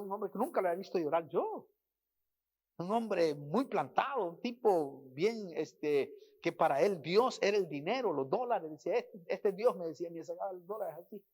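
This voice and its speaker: A middle-aged man preaching a sermon, telling personal stories with emotional, emphatic delivery that swells in intensity. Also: high-pitched. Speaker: pastor.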